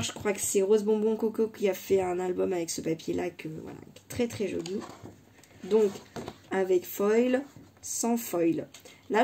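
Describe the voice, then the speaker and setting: A woman's voice: mid-range voice, warm tone. A woman in her thirties from France, chatting casually and rambling with lots of fillers and restarts in a haul vlog from her desk at home. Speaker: scrapbooking YouTuber.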